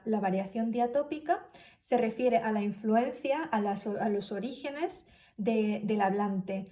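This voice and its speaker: A woman's voice: medium pitch, warm tone, distant mic. A woman giving a spoken class presentation, hesitant, with many fillers and restarts. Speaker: student presenter.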